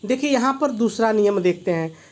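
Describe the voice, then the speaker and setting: A man with a fairly high speaking voice teaches a video lesson. He keeps asking "why?" and answering it himself, going over each rule more than once. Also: expressive, brisk. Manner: poses rhetorical questions then answers them, repeats key points. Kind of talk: classroom-style video lesson.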